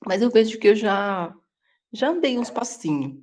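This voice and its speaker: A woman's voice: mid-range voice, expressive, moderate pace, darkish tone. A woman with a Brazilian Portuguese accent sharing an earnest personal testimony in a casual Bible study, speaking over a video call from home. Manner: earnest, confessional, many tag questions. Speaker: Bible reading group participant.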